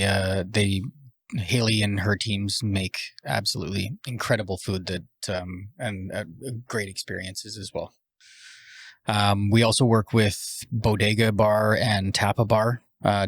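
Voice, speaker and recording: Man, Canadian accent, lowish voice, gravelly, casual podcast chat, hesitant fillers. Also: no room sound, clean studio sound. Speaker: coffee roaster and cafe owner.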